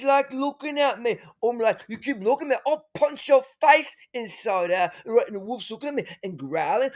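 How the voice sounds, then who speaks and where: Rambling high-voiced man telling a wild story. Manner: rambling, many fillers and tag questions. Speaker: father telling an adventure.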